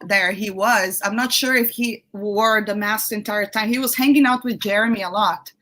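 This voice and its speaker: Bright-voiced Brazilian-raised young woman. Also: mid-range voice. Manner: chatty, laughs often, halting restarts. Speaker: guest, YouTube creator. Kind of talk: casual interview chat.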